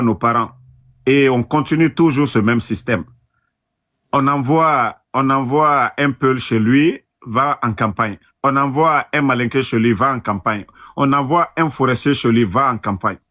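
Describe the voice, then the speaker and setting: Casting note: man from Guinea, panel guest, earnest and halting, mid pitch. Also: a bit bright. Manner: earnest, halting, many restarts. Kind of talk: political panel talk.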